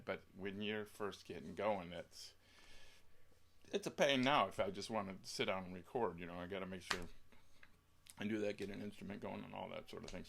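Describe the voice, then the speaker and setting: A man giving a casual software tutorial, thinking aloud and rambling with many pauses and restarts. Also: low voice, a little hiss or hum. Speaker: music software tutorial presenter. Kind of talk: casual screen-share tutorial.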